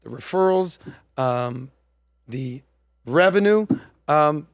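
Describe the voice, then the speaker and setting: A man in his forties hosts a casual podcast from a studio set, speaking into a boom-mounted mic. His voice sits a bit high for a man, and the sound is close and dry. He tells stories animatedly, slipping into quoted voices. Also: animated, takes it slowly, gravelly, clean tone, no room sound. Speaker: podcast host. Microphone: studio mic on boom arm.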